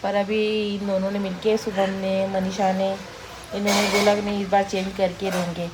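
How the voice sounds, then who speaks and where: A woman's voice: mid-range voice, little pitch movement, normal speed, darkish tone, low-quality recording. A middle-aged woman chatting at home in a family vlog, homely and earnest, explaining things at length. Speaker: mother-in-law in a family vlog. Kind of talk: casual family chat. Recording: clear background noise.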